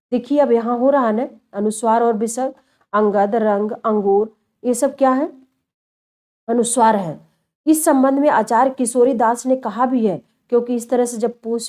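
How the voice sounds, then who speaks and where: A woman's voice: fairly high pitch, dark tone. A female teacher giving a step-by-step lecture, repeating key terms and addressing her students as children. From India. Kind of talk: classroom lecture.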